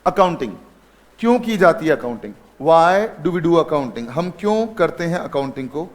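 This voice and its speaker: A high-pitched man teaches accounting. He fires questions at his students, then repeats the answers himself in a call-and-response rhythm. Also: sing-song, normal speed. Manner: calls students son, asks and repeats answers. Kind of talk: classroom lecture.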